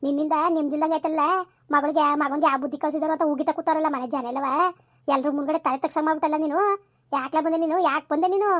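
A woman's voice: sits high, fairly even intonation, very fast, no room sound, studio quality, lightly acted. A woman playing a furious village mother who scolds her son in a rural comedy skit, hurling repeated insults. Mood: scolding.

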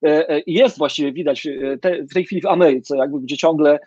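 A middle-aged man interviews a guest over a video call from a home room lined with bookshelves, asking literary questions hesitantly with many fillers and restarts. His voice is fairly high and darkish, a little fast, with no room sound, and the call audio is dull and lo-fi.

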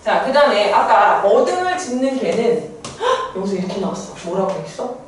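A woman teaching a poem in a chatty, playful lecture, firing quick questions at her students. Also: medium pitch, big pitch swings, a little hiss or hum. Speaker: Korean literature teacher. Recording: echoey room heard from a distance.

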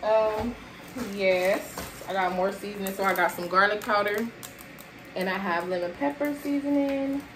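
In an echoey little apartment kitchen with background noise, a young woman unpacks groceries for a haul video, filmed from a camera across the room. Her mid-range voice moves at normal speed, and she sounds a bit tired, sweaty, and chatty, moving about and addressing her viewers as y'all.

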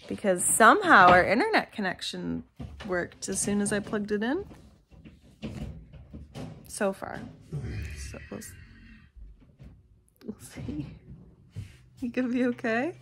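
A woman's voice: medium pitch, animated, moderate pace, noisy background. A woman vlogging at home in casual, rambling chat with lots of fillers, recorded on a handheld camera. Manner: chatty and rambling, with many fillers. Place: indoors at home.

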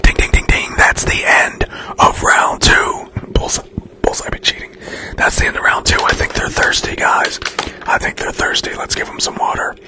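A man whispering through a chaotic ASMR livestream, chatting and thanking viewers for gifts. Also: normal speed. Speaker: livestream host.

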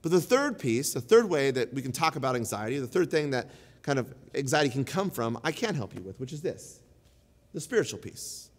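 A man's voice: medium pitch, very animated, brisk, long reverb tail. A man in his thirties preaching a sermon, telling stories in a loose, conversational way full of fillers. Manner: conversational storytelling, many "like" fillers. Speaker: pastor. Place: large church auditorium.

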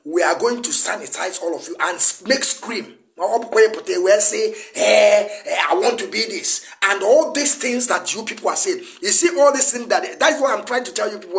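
A Nigerian activist commentator in his forties, whose first language is Igbo, delivers an emphatic political address to camera from a small room. His voice is high-pitched and fairly bright, and he lectures forcefully while gesturing a great deal.

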